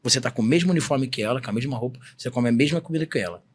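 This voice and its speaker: Brazilian guy in his 40s, quick earnest storytelling, kind of breathy voice. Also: mid-range voice. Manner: earnest storytelling, fast and emphatic. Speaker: guest, samba singer-songwriter. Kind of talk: reflective podcast interview.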